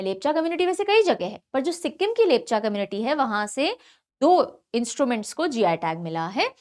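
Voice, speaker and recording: Animated, fairly high-voiced woman teacher. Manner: animated, repeats key names, mixes English terms into Hindi. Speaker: exam-prep teacher. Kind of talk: online lecture for competitive exams.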